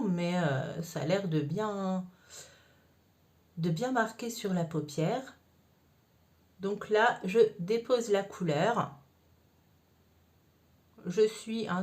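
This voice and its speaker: Makeup vlogger, woman, easygoing step-by-step explainer, mid-range voice. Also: medium pitch. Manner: chatty, explains each step with many fillers. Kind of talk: casual makeup tutorial.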